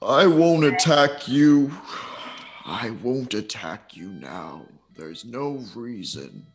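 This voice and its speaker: A man's voice: mid-range voice, animated, slow pace. A man voicing a massive lion spirit in a tabletop game, a boastful, defensive forest king with a resounding, emphatic delivery. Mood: grudging.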